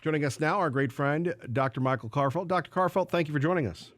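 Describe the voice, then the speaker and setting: A man hosting a morning talk radio show, brisk and upbeat, speaking from a studio mic. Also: on the high side, no room sound. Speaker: radio host.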